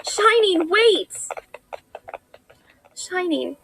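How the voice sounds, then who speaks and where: A woman playing a gentle, worried pony princess, earnest and concerned, in an animated fan drama. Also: very high voice, very slow, creaky, a little hiss or hum, heavily acted, low-quality recording. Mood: alarmed.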